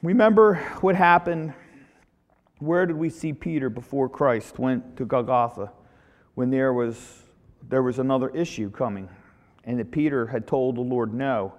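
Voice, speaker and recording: A man teaching a Bible study in an informal sermon, retelling a story in an animated way and often repeating his words. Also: mid-range voice, a little slow, long reverb tail.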